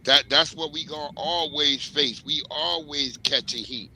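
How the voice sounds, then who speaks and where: A man's voice: fairly high pitch, unhurried, pushed and bright, a little hiss or hum, rough recording. A man on a podcast panel ranting angrily, with heavy profanity. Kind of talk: heated podcast talk.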